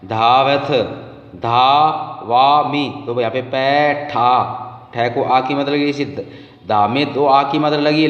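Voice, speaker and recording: A male teacher patiently drills word forms, repeating each slowly. The voice sits at an ordinary middle pitch and reaches the mic from a distance. It comes through a long, ringing room reverb on a dull, muffled recording. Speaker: Sanskrit teacher. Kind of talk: classroom lesson. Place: classroom. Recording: roomy, distant, dull lo-fi sound.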